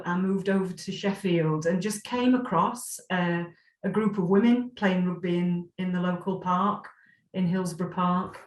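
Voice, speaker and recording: A Scottish woman in her 40s, a former player, is a guest on a casual interview, speaking at medium pitch. She looks back warmly and reflectively, with lots of ums, fillers and restarts. The recording is low quality and the room echoes.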